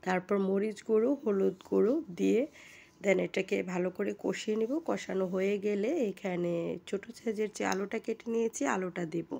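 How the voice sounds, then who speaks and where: A woman, hoarse from a cold, giving chatty step-by-step directions as she narrates a home recipe. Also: mid-range voice, steady tone, brisk, darkish tone. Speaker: cooking channel host. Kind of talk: recipe voice-over.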